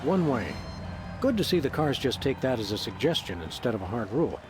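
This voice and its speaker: An actor voicing a deadpan dog detective in a video game, delivering dry quips. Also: male voice, medium pitch, fairly quick, over music, natural voice.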